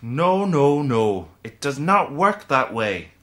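A man's voice: on the low side, very animated, measured pace, pushed and bright, heavily acted. A man voicing a small, theatrical, impatient male leprechaun in an audiobook. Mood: exasperated. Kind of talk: audiobook character voice.

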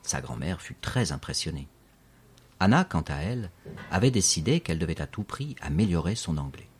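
A man narrating an audiobook in a steady, clear reading voice. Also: sits low, normal speed, a little hiss or hum.

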